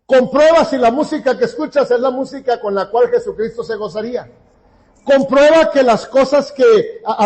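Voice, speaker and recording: Male pastor, very high voice, fervent sermon delivery, long hall reverb. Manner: preaching with sudden loud swells and slow emphatic lines. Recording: long echo of a large hall.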